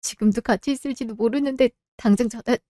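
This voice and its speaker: A woman acting in a radio drama, confronting in a sharp, cold way. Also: on the high side, fast, no room sound. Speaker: voice actor.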